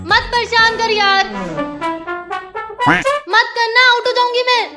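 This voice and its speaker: Young woman, very high voice, playful skit acting, music behind. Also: steady tone, slow pace. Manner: playful, switches between characters. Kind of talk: comedy skit role-play. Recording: background music.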